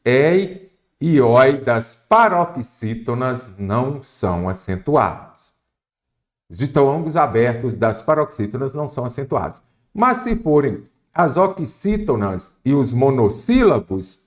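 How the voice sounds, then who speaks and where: A man's voice: medium pitch, sing-song, a little slow. A man with a Brazilian Portuguese accent teaches an exam-prep grammar lesson, asking questions and answering them himself. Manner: didactic, asks and answers his own questions.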